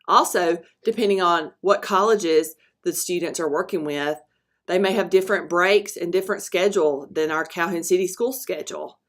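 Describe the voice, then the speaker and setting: Woman narrating a screencast, somewhat low voice. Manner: halting, with frequent ums and self-corrections. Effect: narration recorded over a screen recording. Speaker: school dual enrollment presenter. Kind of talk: screencast presentation voice-over.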